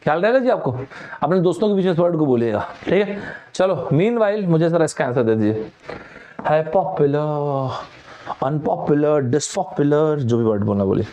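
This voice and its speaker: A middle-aged male teacher with a Hindi accent leads a live online vocabulary class. He talks to viewers like friends in a chatty way, and his voice sits a little high for a man. He slows down to spell out words letter by letter. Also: expressive, warm tone, dull audio.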